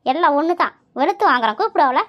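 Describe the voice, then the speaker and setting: A woman's voice: high-pitched, lively intonation, very fast, muffled recording, a crowd in the background. A woman voicing a nosy, bossy elderly village woman in a cartoon, prying into a friend's family troubles. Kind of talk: cartoon voice acting.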